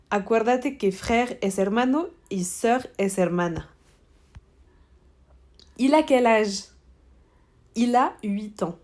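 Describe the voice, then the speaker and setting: A woman teaching a French exam-prep lesson, speaking slowly and deliberately and repeating model answers for students. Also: fairly high pitch, darkish tone.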